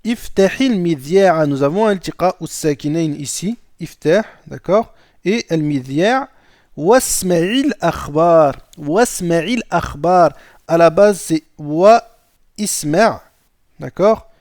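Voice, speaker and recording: A man with a high voice gives a grammar lesson, reading example phrases aloud and repeating each one patiently. He talks unhurriedly and keeps checking that his students follow. The sound is close and dry. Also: lively intonation, a little mellow, dry recording. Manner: repeats Arabic examples slowly and checks understanding with "d'accord?". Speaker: Arabic teacher. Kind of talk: grammar lesson explaining Arabic pronunciation in French.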